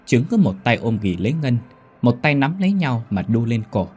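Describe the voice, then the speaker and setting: A man reading a horror story aloud in a measured, unhurried way. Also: mid-range voice, big pitch swings, a little mellow, breathy edge. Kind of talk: scripted horror narration.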